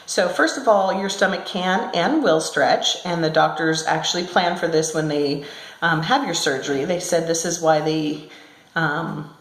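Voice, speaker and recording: A woman talks casually to her viewers, pausing on ums and correcting herself as she goes. Her voice sits a little low. She is recorded in a small room at work, and the echo rings around her words. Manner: chatty, with many ums and self-corrections. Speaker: vlogger. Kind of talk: casual talk to camera. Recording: echoey room sound.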